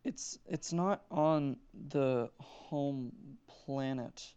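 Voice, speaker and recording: A man answering trivia questions in casual quiz banter, eager, with quick answers and some stumbles. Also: mid-range voice, warm tone, clean tone, no room sound, dull audio. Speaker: trivia contestant.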